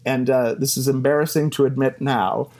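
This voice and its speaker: A middle-aged man telling stories from his career in a casual interview, animated and self-deprecating, laughing and acting out quotes. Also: mid-range voice, normal speed. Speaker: interview guest.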